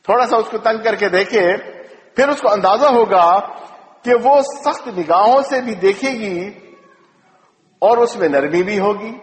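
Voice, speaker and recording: Man, high voice, emotive sermon storytelling, echoey hall with long reverb. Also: expressive. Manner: storytelling, emotive, slows for emphasis. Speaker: preacher.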